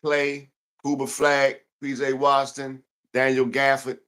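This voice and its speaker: A man's voice: mid-range voice, monotone, measured pace, fairly bright tone. A middle-aged man hosting a casual sports talk show, talking loosely in slang and repeating himself often. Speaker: show host.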